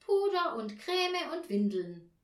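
A wishful little girl, as a woman puts her on, pipes up in a high, bouncy voice full of excitement and pleading. Her lines swing widely in pitch. They ring out in a roomy, echoing space. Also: takes it slowly, exaggerated voice. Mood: eager. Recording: roomy echo.

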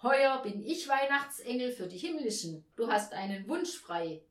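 A woman's voice: a little high, lively intonation, normal speed, voice pushed up, lightly acted. A woman voicing a cheerful male head angel who calls out a hearty greeting. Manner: hearty and calling out. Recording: roomy echo.

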